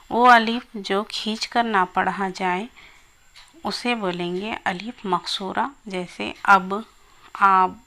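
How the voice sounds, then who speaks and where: A woman's voice: medium pitch, bright, forceful tone. A woman teaching a grammar lesson for exam preparation, explaining step by step and repeating example words.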